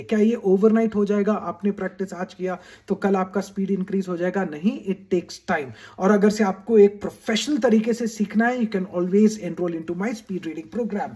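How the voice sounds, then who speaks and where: A man's voice: high voice, a little mellow. A man coaching students in a video lesson, talking straight to them, checking in with "right?" and slipping English phrases into his talk. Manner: mixes English phrases into Hindi. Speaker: study skills coach.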